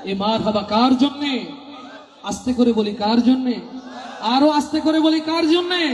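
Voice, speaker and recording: A man's voice: sits high, darkish tone. A young man in his twenties from Bangladesh, a ghazal singer addressing a night religious gathering, rousing the crowd and declaiming fervently. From Satkhira, Bangladesh. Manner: rousing, calls the crowd to answer back. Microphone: handheld microphone through a PA. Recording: echoey PA sound with long reverb.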